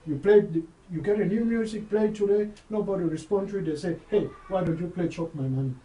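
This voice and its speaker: A man who works as a DJ speaks in a casual interview, hesitating and often repeating words as he thinks. His voice is high-pitched, fairly quick and warm. The sound is roomy, with him far from the mic and faint ambience behind.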